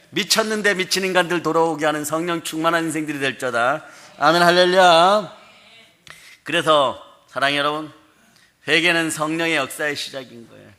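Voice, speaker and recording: Male pastor preaching fervently; bright, forceful, fairly high voice. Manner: fervent, emphatic preaching with repeated "amen hallelujah". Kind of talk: sermon. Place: prayer sanctuary.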